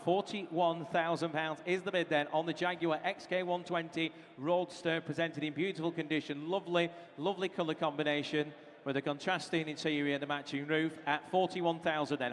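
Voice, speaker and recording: With a fairly high pitch and a touch of background noise, a British man runs a live auction, chanting bids as he repeats the figures and urges bidders on. The sound carries the reverberation of a large auction hall.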